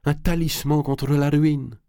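A man voicing a cold, calculating merchant who speaks in a cool, deliberate, cutting way. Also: a little high, steady tone, mellow, clean tone, no echo, clean studio sound, voice pushed up. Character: cold calculating middle-aged male merchant.

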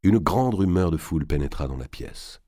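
A man reading a historical novel aloud in a measured, literary narration. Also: low voice, lively intonation, dark tone, no room sound, studio quality. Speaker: audiobook narrator. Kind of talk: scripted narration.

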